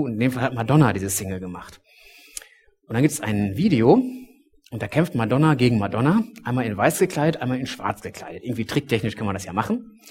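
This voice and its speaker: A male preacher delivering a sermon in a middle-pitched voice. He tells the story vividly, dropping to a hush at some moments and rising in volume at others. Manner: storytelling, dramatic shifts between loud and hushed.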